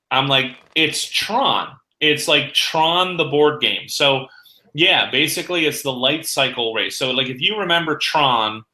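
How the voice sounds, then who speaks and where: A man's voice: mid-range voice, bright, forceful tone, echoey room, rough recording. A middle-aged man on a podcast, chatting casually and rambling with lots of fillers as he recounts a convention. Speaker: podcast guest.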